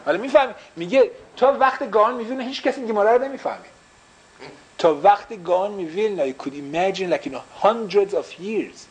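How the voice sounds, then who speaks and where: Male teacher, slightly high voice, questions the class and drops in English phrases. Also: animated, rough recording. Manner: explains with repeated rhetorical questions; mixes English phrases into Persian. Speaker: religious teacher.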